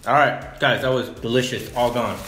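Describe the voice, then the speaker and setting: Chill young guy from LA chatting over snacks, mid-pitched voice. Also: fairly even intonation, moderate pace, a bit bright, reverberant, slight background noise. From Los Angeles area. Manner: laid-back, enthusiastic about snacks. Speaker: vlog co-host. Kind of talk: casual food tasting chat.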